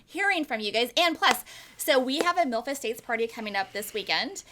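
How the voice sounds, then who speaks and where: A woman co-hosting a casual podcast chat, animated, laughing often and talking with lots of fillers. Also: fairly high pitch, a little fast, background noise. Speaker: podcast co-host.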